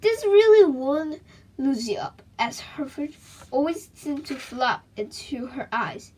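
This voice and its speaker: Reading a picture book to children, this woman sounds dramatic and expressive, and she breaks off now and then to chat with her little listeners. She speaks slowly in a high register, and the audio quality is poor.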